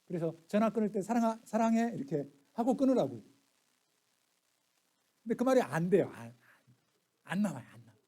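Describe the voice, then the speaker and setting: A middle-aged man preaching a sermon as pastor, telling family stories and acting out quoted lines, swinging from soft asides to loud exclaims. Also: high-pitched, very animated, brisk, pauses often, husky.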